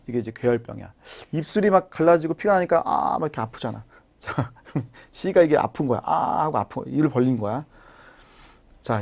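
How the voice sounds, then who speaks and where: A man's voice: mid-range voice, vocal fry. A man teaching a recorded biology lecture, explaining at the board and using playful memory tricks. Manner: animated teacher with mnemonic jokes.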